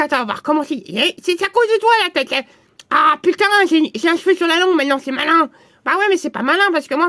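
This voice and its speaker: A shrill, high-pitched little comedy character who curses nonstop, as a man puts him on. He bickers and squabbles in a crude, silly sketch voice. The recording is dry and close, with no room sound at all. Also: pushed and bright, dry recording, heavily acted. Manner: crude swearing, bickering back and forth. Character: squeaky foul-mouthed little guy playing with a voodoo doll.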